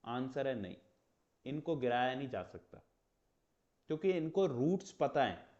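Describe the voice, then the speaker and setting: A man's voice: mid-range voice, sing-song, a little slow, a little mellow. Lo-fi man lecturing on astrology. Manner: conversational, explains with rhetorical questions and mock dialogue. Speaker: astrology teacher. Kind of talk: lecture in Hindi with English terms.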